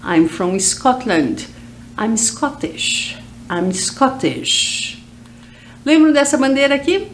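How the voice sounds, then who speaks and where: Woman, Brazilian Portuguese accent, fairly high voice, English lesson for kids, slow drilled phrases, faint noise. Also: very animated. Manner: slow, drawn-out model phrases for repetition. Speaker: English teacher.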